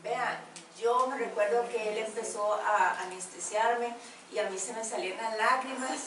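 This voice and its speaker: A woman's voice: fairly high pitch, normal speed, a bit bright. A woman telling an emotional personal faith story, full of fillers. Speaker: group member sharing testimony. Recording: echoey room, distant mic, background noise.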